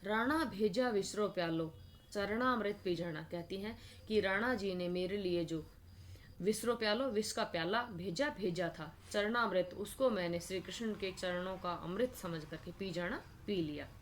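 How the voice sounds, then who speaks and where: A woman with a fairly low voice teaches a literature lesson. She recites each verse line, then explains its words one by one in a steady, patient way. A faint hiss runs underneath. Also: normal speed.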